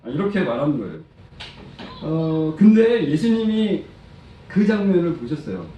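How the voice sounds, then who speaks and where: In a church sanctuary, a preacher and praise-song lyricist gives a sermon to children and adults, quizzing the congregation and acting out quotes. His voice is a little high with big pitch swings at normal speed, and the dull audio comes from a distant mic in an echoey hall with faint noise.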